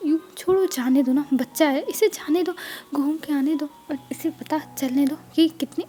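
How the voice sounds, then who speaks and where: A woman's voice: sits high, normal speed, dark tone, natural voice. A woman voicing an easygoing, indulgent father. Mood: reassuring. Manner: reassuring, persuasive.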